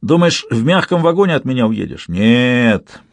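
A man voicing a brash, rowdy young man who bullies and threatens, loud and sing-song. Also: a little high, sing-song, normal speed, husky, dry recording, pitched above the performer's own voice, full character voice. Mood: accusing.

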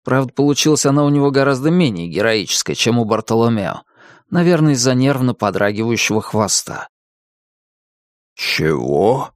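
An audiobook narrator reads a children's fantasy tale with a playful, expressive delivery. The voice sits at mid pitch, and the intonation rises and falls with lots of movement. The recording is dry and close, with no room sound. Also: brisk, no room sound. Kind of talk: scripted storybook narration.

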